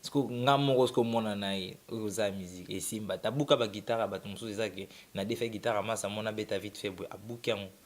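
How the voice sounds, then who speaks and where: A young musician from Congo-Kinshasa, speaking in a fairly low voice, talks fast with hardly any pauses as a guest in a casual interview that mixes French and Lingala. He tells his story in a relaxed, rambling way, often restarting his sentences.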